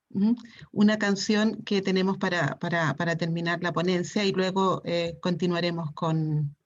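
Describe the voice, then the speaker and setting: A man moderating an online lecture, thanking the speaker and moving on to the questions, hesitant with frequent fillers and restarts. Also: high voice. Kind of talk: webinar hosting. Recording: muffled lo-fi online audio.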